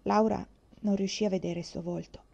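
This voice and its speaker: A woman reading a children's novel aloud, narrating in a calm, measured way. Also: medium pitch, gravelly. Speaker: audiobook reader. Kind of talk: scripted storybook narration. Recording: muffled lo-fi recording.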